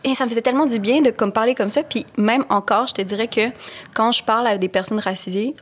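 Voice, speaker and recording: A woman's voice: on the high side, fast. A woman with a Quebec French accent, co-hosting a casual podcast chat, telling stories with voiced quotes, laughs and English words. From Canada. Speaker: podcast co-host.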